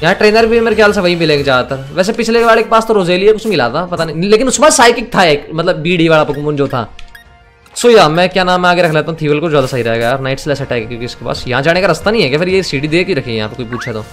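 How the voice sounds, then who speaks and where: A man's voice: on the high side, lively intonation, racing. A young man giving casual, jokey commentary while playing a video game, chatting to himself and to the game's characters. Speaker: gaming YouTuber. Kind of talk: casual Let's Play commentary. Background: faint game music.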